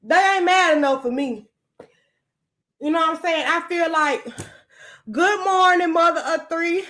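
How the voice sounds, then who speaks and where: A woman's voice: very high-pitched, a little slow, fairly bright tone. A woman hosting a livestream who has not slept, ranting angrily and profanely while greeting viewers by name, speaking. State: sleepless. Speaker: podcast host on a livestream. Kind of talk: unscripted livestream rant.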